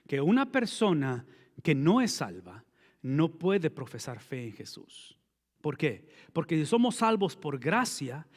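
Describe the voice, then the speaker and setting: High-voiced preacher. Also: male voice. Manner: preaching with frequent rhetorical questions he answers himself; emphatic, swinging between loud stresses and quiet low asides. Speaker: pastor. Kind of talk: sermon. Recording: long reverb of a large hall.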